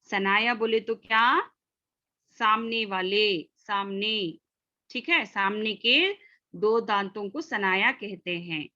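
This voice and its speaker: Bright-voiced woman teaching recitation. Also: medium pitch, muffled recording. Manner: explains step by step, checks understanding with repeated "theek hai" and "hm?"; demonstrates letter sounds slowly and forcefully. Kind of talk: online class lesson.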